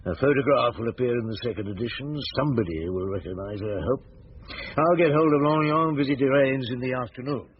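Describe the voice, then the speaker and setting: An actor playing a patient, brooding chief inspector in a radio drama, with a dry, musing, courteous manner. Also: male voice, medium pitch, fast, lightly acted. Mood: businesslike, wry. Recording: dull lo-fi radio drama recording, hiss.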